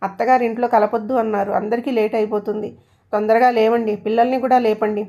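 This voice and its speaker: A woman's voice: on the high side, fairly even intonation, quick pace, creaky, warm tone. A woman voicing a busy wife and working mother who speaks with urgent pleading.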